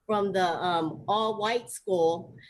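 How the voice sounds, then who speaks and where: Taking it slowly in a lowish voice, a young American stand-up comic from Ohio tells chatty stories at an online open mic. She leans on fillers and laughs a lot, and the video call picks up faint background noise.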